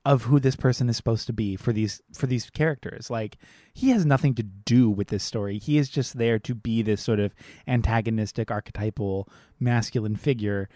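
A man's voice: on the low side, fairly quick, dark tone, no room sound, studio quality. A man chatting casually about a film, emphatic and repeating words for stress.

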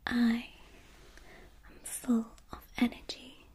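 A woman doing ASMR, whispering slow, repeated affirmations into a close microphone. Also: on the high side, monotone, darkish tone. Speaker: ASMR creator.

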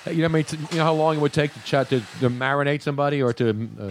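Guy hosting a show, talks really fast, a bit high pitched, just bantering. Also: slight background noise. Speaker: talk show host. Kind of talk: casual banter.

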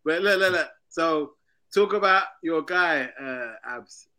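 Bright-voiced London roadman host. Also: on the high side, slow pace. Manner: slangy, repetitive phrasing. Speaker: football show host. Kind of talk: casual banter.

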